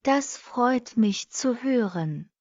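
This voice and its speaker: A woman reading short practice sentences for a language lesson, saying each one twice, slowly and evenly. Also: a little high, expressive, no room sound. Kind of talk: slow repeated phrase reading for learners. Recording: dull lo-fi dry recording.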